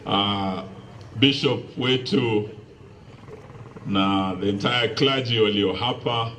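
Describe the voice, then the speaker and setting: A man's voice: on the low side, slow, a bit bright. Kenyan man making a formal greeting speech. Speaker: politician. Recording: live speech with faint ambient noise.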